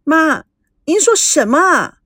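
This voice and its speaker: A woman voicing a distraught young woman who pleads and shouts through tears. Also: high voice, animated, normal speed, dry recording, clean studio sound. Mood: pleading. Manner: urgent, pleading then shouting.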